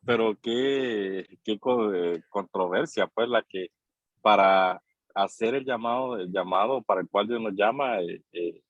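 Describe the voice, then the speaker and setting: A man's voice: fairly low pitch, unhurried, no room sound, dull audio. A man from Guatemala sharing in a church group over a call while driving, hesitant, with many fillers and restarts. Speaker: church course participant.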